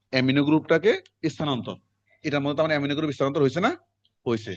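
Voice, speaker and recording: A man, teaching a class in quick, conversational lecture style and quizzing his students as he goes. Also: medium pitch. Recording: dull lo-fi classroom recording.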